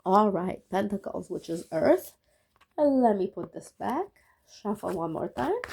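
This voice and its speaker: A woman's voice: medium pitch, very animated, a little slow, creaky, dark tone, slight background noise, rough recording. A woman who is sick gives a casual tarot reading to her viewers in a chatty way, often checking in with "okay?". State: sick, rough voice. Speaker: tarot reader.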